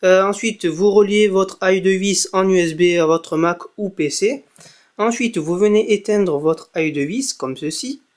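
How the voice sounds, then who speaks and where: A man's voice: high voice, a little slow. A young man giving a casual spoken tech tutorial, chatty, with many fillers and self-corrections. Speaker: tech video blogger. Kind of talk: casual screen-recorded tutorial.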